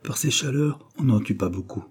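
A man's voice: medium pitch, lively intonation, moderate pace, darkish tone, husky. A man reading aloud voices a polite young housemaid explaining to her master. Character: respectful housemaid, young woman.

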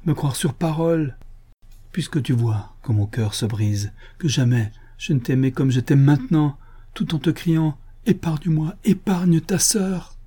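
A man reading aloud voices an anguished young woman who pleads in a trembling, breathy hush. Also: medium pitch, measured pace, voice pushed up. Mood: pleading anguish. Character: anguished young woman bride, fearful and torn.

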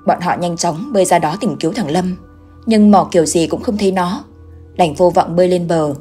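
A woman's voice: fairly low pitch, moderate pace, faint music behind. A woman narrating a ghost story in a scripted storytelling style. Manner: voices the characters with raised, louder delivery.

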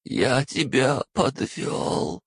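A man's voice: mid-range voice, lively intonation, very slow, creaky, breathy edge, no echo, clean studio sound, pitched above the performer's own voice, heavily acted. A man voicing a small, loyal, childlike spider familiar in an audiobook, with a plaintive, whining voice. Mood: whimpering.

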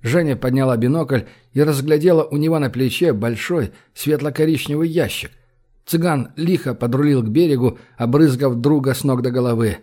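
A man giving a steady, even scripted narration of an audiobook. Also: medium pitch, normal speed.

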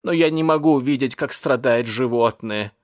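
A man's voice: mid-range voice, moderate pace, dry recording, clean studio sound, close to an everyday voice. A man voicing a fussy, indignant old woman who dotes on cats.

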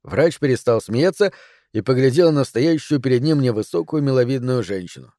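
A man narrating an audiobook in an even, measured reading voice. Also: mid-range voice, no room sound, clean studio sound.

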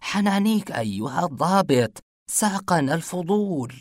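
A man voicing a nervous male witness in a storybook reading, who stammers, hesitates and talks slowly in a raised voice. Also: medium pitch, expressive, a little mellow, no echo, studio quality. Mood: startled.

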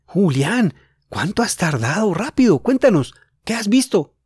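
A man's voice: high voice, sing-song, normal speed, slightly rough, no room sound, clean studio sound, pitched above the performer's own voice, heavily acted. A man voicing an impatient, eager tomboy girl in a storybook reading. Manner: impatient, shouting questions.

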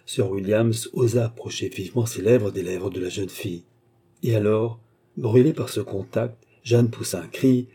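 A man narrating a novel as an audiobook, reading in a measured, dramatic way. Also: medium pitch, dark tone, husky.

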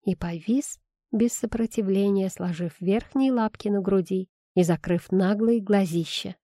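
A woman narrating a fantasy audiobook in first person, calm with a gently ironic manner. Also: mid-range voice, measured pace, no room sound, clean studio sound.

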